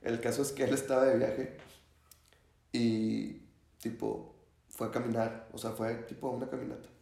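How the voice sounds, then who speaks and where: A man's voice: medium pitch, normal speed, creaky, reverberant. A young man, a student, telling a story in casual chat and acting out the quotes. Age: young adult. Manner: animated storyteller, acts out shouts and quotes.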